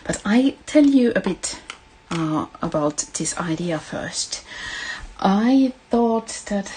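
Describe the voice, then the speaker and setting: A middle-aged woman with a Finnish accent hosting a casual craft tutorial, speaking in a gentle, halting way. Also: mid-range voice, expressive, slight background noise, poor audio. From Finland. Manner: gentle, hesitant, halting delivery with affectionate address to viewers. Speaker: craft livestream host.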